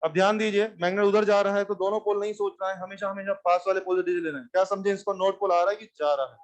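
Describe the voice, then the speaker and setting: High-voiced physics teacher. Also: male voice, racing. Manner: animated, repeats questions to students. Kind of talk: classroom lecture.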